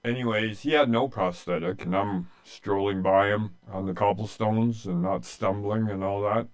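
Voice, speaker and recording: With a lowish, steady voice at ordinary speed, a Canadian man in his late sixties shares his personal story. He comes from rural eastern Ontario, volunteers in humanitarian aid, and answers the interview in an earnest, plain-spoken manner.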